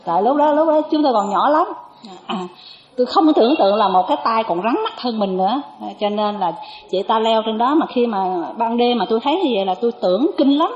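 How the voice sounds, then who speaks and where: A Buddhist nun gives a sermon, her fairly high voice lively as she spins a story and voices its characters. The recording is dull and lo-fi, with a roomy echo. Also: fast. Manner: animated storytelling, acts out dialogue, laughs with the audience. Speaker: Buddhist nun giving a dharma talk.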